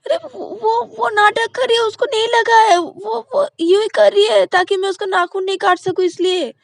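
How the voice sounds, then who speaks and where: A woman voicing a bratty teenage girl who complains in a shrill, tearful way. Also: a little fast, a little mellow, no echo, natural voice. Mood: tearful whining.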